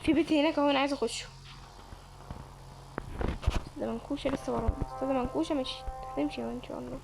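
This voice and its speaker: A woman's voice: high voice, steady tone, rapid-fire, gravelly, over music. A woman with an Egyptian Arabic accent giving playful, chatty let's-play commentary and talking to her viewers. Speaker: gamer.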